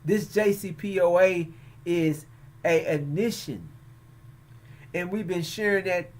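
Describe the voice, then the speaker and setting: A man hosts a stretch of religious and political commentary. His voice sits a little high, and he speaks slowly and deliberately. He stops often between short phrases and then comes down hard on his points. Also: a little mellow. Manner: slow, halting, emphatic delivery. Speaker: host.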